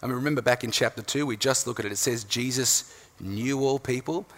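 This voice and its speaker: A man's voice: medium pitch, brisk. A man in his thirties preaching a sermon in a conversational way, often checking in with the listeners. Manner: conversational, often asks "right?". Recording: long hall reverb.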